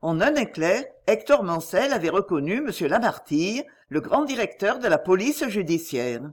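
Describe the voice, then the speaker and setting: A narrator giving an expressive, dramatic reading of a French crime novel. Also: mid-range voice, normal speed. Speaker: audiobook narrator.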